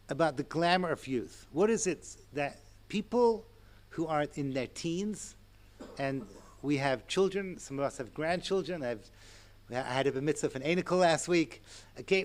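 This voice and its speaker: A man in his sixties giving a Torah lecture to an audience, animated and chatty, with asides and chuckles. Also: fairly high pitch. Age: 60s. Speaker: rabbi and lecturer.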